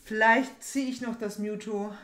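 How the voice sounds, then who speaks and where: A young adult woman rambles casually as she opens card packs as host, frequently repeating phrases, in a small room at home. She speaks at a medium pitch with fairly even intonation, a measured pace and a slightly bright tone; the audio carries roomy echo, background noise and card crinkling.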